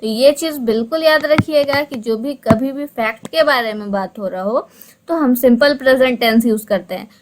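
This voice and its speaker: A woman teaching English for exams, who asks and answers her own questions, repeats key points, and reads the English options slowly, word by word. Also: on the high side, background noise. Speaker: English teacher for exam prep. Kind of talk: explanatory online lesson.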